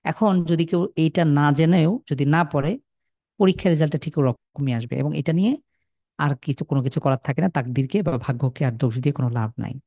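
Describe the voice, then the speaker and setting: A young man teaching a Quran recitation class, explaining earnestly and drawing out sounds slowly to demonstrate pronunciation. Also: fairly high pitch, mellow, no echo, studio quality. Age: young adult. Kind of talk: online class lesson.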